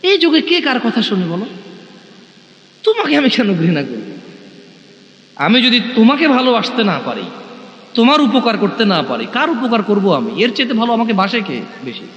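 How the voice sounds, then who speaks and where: A man preaching a sermon at a large gathering, loud and restless, speaking through a microphone. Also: high-pitched, highs cut off. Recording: echoey hall with long reverb.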